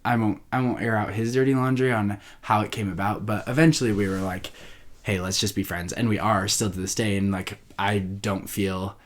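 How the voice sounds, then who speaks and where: Rambling young man, low voice. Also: steady tone, a little fast, few pauses. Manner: rambling, self-interrupting, chatty. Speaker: podcast host. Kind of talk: casual solo rambling podcast.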